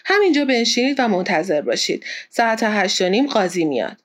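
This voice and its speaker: A woman reading the lines of a brisk male police officer in an audiobook, in an official tone. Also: medium pitch, sing-song.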